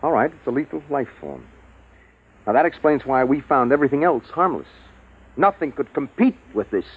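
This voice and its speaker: A man's voice: mid-range voice, big pitch swings, moderate pace, slightly rough. An actor playing an urgent male major who leads a station through a crisis, in 1950s radio drama style on a tinny old broadcast. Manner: urgent, explanatory. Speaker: base officer and scientist.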